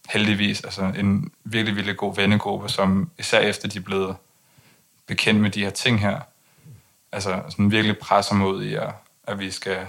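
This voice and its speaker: A young man speaking in a monotone, low-key way with many hesitant restarts, talking candidly as an interview guest. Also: vocal fry. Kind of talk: candid personal conversation.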